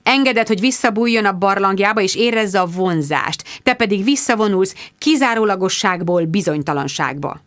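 A woman voicing a bossy young female friend who gives advice in a shrill, emphatic voice. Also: animated, few pauses, a bit bright, dry recording, studio quality, lightly acted.

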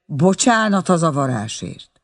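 A man's voice: a little high, sing-song. A man voicing an awkward, flustered young man in an audiobook reading. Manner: awkward, hesitant.

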